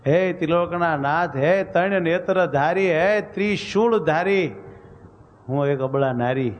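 A man's voice: a little high, a little slow, pitched above the performer's own voice, close to an everyday voice. A man voicing a devout young wife who pleads and wails a prayer for rescue. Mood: pleading.

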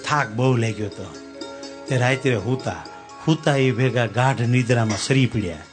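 A man's voice: mid-range voice, moderate pace, music in the background. A man giving a devotional sermon, telling folksy stories and acting out the dialogue. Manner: folksy storyteller, acts out dialogue. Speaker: Swaminarayan sadhu preacher. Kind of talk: katha sermon with sung verses and anecdotes.

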